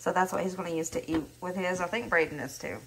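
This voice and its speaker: A woman's voice: on the low side, fast talker, a little hiss or hum. A woman in her thirties with a Southern US accent, chatting casually through a home cooking vlog in her kitchen. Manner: chatty, upbeat, narrates while cooking. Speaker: vlogger.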